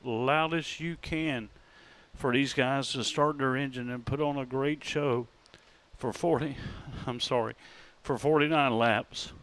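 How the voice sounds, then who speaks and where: A man, the track announcer, speaking on the PA in an emotional, heartfelt, slightly halting way. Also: medium pitch, a bit bright. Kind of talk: live race PA announcing. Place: outdoor racetrack. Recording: outdoor speedway with noise.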